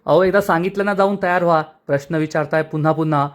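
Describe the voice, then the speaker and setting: A man voicing a hurried, flustered young wife in a retold serial, talking impatiently. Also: a little high, close to an everyday voice. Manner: impatient, fretful.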